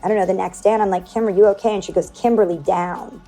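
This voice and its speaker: A woman guest telling a personal story in a casual, animated way, slipping into other people's voices when she quotes them. Her pitch sits in the middle. Faint music plays underneath. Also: very fast. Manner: animated, acts out quoted dialogue, many "like" fillers. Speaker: interview guest.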